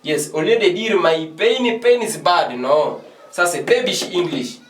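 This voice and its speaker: A man teaching English in a classroom, repeating example phrases slowly and switching between French and English. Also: a little high, animated. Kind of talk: classroom lesson at a board. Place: classroom with a board. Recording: echoey room, voice from far off.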